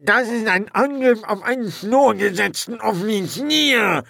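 A man putting on a shrill, spiteful corporal whose voice cracks up high into a gravelly screech. His tone is sharp and piercing, and the sound is dry and close. A petty storybook officer full of bile. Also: animated, unhurried, dry recording, exaggerated voice. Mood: shrieking. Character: spiteful shrieking male corporal.

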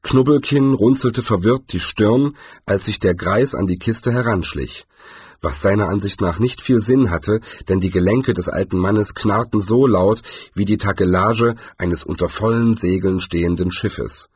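A man's voice: lowish voice, measured pace, husky, dry recording. A man reading a fantasy novel aloud as narrator, telling the story expressively. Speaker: audiobook narrator. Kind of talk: scripted narration.

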